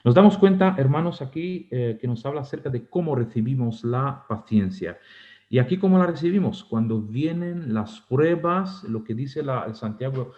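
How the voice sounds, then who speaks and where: A man's voice: mid-range voice, warm tone, lo-fi sound. A man who is a pastor, preaching a sermon in a conversational, storytelling way and laughing often.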